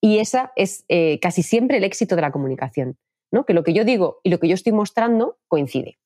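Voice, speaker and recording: Brief: lower-voiced woman, communication coach, quick explanatory delivery, dry close sound. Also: expressive, dark tone, no echo. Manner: fast-talking, explanatory. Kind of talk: interview answers.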